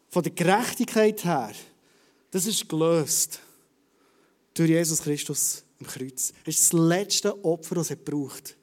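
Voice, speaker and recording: A high-voiced man with a Swiss German accent, giving a casual, conversational sermon to his church. He swings between loud bursts and quiet, hushed asides. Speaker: preacher. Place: church service.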